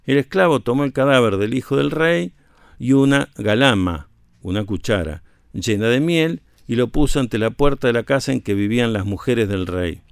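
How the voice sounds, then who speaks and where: A man reads a folk tale aloud at a measured pace. His voice is gravelly, and the recording is dry and close, with no room sound. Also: medium pitch, expressive, no echo. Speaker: storyteller.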